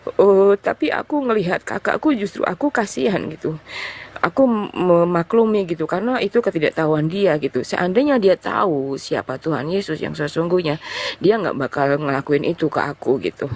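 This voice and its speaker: A young woman telling her conversion testimony in an interview, talking in a loose, halting way full of fillers. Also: fairly low pitch, animated, darkish tone. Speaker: guest sharing a conversion testimony.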